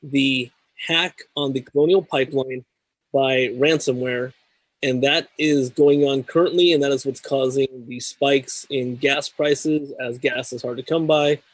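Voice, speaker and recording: A man's voice: mid-range voice, fairly even intonation, measured pace, dry recording, rough recording. Guy hosting a tech show, reads the news then chats, dry close sound. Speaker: talk show host. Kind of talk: scripted news segment and interview.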